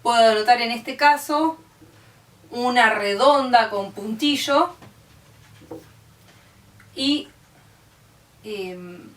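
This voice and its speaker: With drawn-out words and long pauses, a woman with an Argentine Spanish accent teaches music in a fairly high voice. She goes patiently step by step, checking understanding with "¿sí?". The recording is roomy, from a distant microphone.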